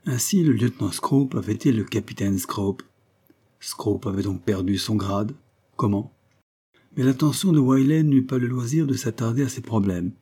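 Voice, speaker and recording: A man reading a novel aloud at a measured, even pace. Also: mid-range voice, husky. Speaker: audiobook narrator. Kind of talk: scripted narration.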